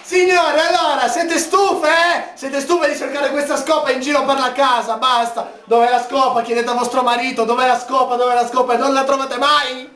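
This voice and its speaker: A man playing a frantic infomercial pitchman, shouting excitedly and urging housewives to buy in a parody sales pitch. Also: moderate pace, hardly any pauses, recorded from a distance. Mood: insistent, hyped. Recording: echoey room, loud crowd behind.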